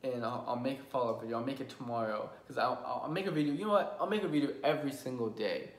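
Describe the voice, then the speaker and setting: A man's voice: mid-range voice, fast. Earnest young man telling his story. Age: 20s. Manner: earnest, emotional, full of restarts. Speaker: vlogger. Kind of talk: personal storytelling vlog. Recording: roomy with faint background hum.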